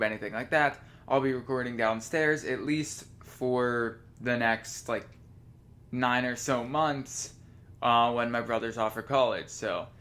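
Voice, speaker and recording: A man's voice: mid-range voice, a bit bright, slight background noise. A man giving casual let's play commentary on a video game, recorded in an attic. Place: attic, open space. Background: game music.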